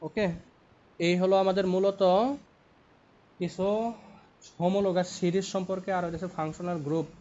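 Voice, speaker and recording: Guy teaching a class, high-ish voice, keeps asking if you got it, muffled audio. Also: flat delivery, normal speed, warm tone. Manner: repeats points and keeps checking with tag questions. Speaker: chemistry tutor. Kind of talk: lecture at a whiteboard. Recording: dull lo-fi recording.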